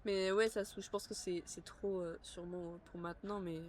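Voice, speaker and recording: A woman's voice: lowish voice, level tone, normal speed, a little mellow, a little hiss or hum. A woman streaming a game live, chatting casually with her viewers and breaking into playful bursts of panic. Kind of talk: casual live-stream chat while gaming.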